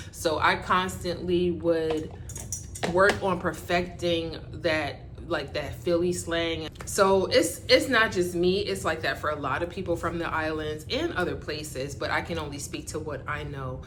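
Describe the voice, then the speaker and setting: A woman from Barbados with a Bajan accent that switches with American, telling a story in casual, candid, animated chat with salty language. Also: fairly low pitch, measured pace, slight background noise. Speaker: storyteller vlogger.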